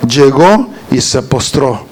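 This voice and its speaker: Speaking slowly and expressively in a mid-range voice, a man leads an informal Bible study for a group, reading verses aloud and quizzing listeners with rhetorical questions. There is noise in the background.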